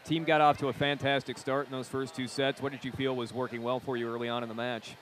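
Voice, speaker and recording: Fast-talking young male sports broadcaster. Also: medium pitch, flat delivery, a bit bright, low-quality recording. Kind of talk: live postgame interview. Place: indoor sports gym with bleachers. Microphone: broadcast headset. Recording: clear background noise of a gym.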